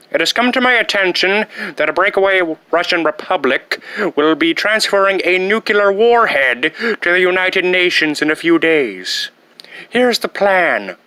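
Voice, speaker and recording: A man voicing a pompous, petty, self-pitying evil mastermind from a comedy film, speaking deliberately with over-enunciated words and dramatic pauses. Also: high voice, bright, forceful tone, clear, resonant tone, dry recording, exaggerated voice. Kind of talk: comic film villain impression.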